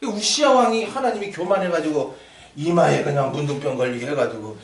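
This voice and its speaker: An older man preaches a sermon as pastor in a church sanctuary, lively as he quizzes the congregation and jokes with them. His voice is a little high and brisk with vocal fry, recorded from a distance in an echoey hall with slight background noise.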